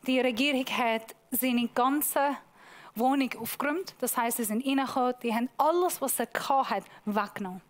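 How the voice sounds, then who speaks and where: A woman pastor giving a sermon, preaching emphatically and slowing down to stress key points. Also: high voice. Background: music.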